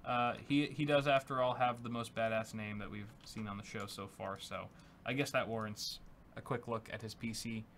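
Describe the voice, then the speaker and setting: A young man co-hosts a tech show, chatting casually and reading viewer donations aloud with plenty of filler words. His voice sits fairly low and sounds fairly bright, with a steady tone and a moderate pace, and he comes across as upbeat. Faint background noise can be heard.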